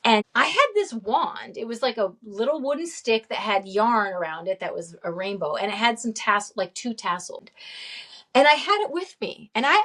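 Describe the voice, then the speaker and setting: A middle-aged woman telling stories casually as an interview guest, lively and acting out the voices she quotes. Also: medium pitch. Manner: animated, acts out quoted voices. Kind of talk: casual storytelling.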